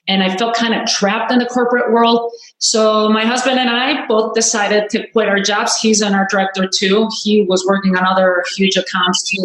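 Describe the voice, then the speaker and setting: A woman's voice: mid-range voice, a bit bright. Chatty woman in a roomy recording. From Spain. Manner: open, chatty, storytelling with frequent restarts. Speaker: guest, business coach. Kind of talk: casual interview talk. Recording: roomy echo.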